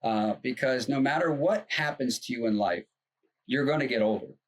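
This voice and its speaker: Speaking at a moderate pace in a mid-range voice, this U.S. financial advisor co-hosts a laid-back podcast chat. He explains money matters earnestly and at great length, rambling with fillers and frequent restarts.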